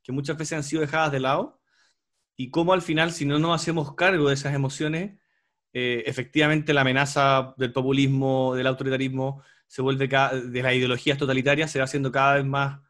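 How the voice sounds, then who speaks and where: A man's voice: medium pitch, little pitch movement, a bit bright. A man, talking earnestly in a casual panel discussion and often restarting his sentences. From Chile. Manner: fast, earnest, with many restarts.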